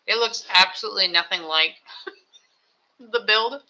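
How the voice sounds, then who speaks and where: Very bright tone, chatty, thinks aloud, self-mocking, casual home stream, faint background noise. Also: medium pitch, unhurried, lo-fi sound. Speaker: live streamer building toy sets. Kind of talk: casual rambling chat while building. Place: home desk with two computers.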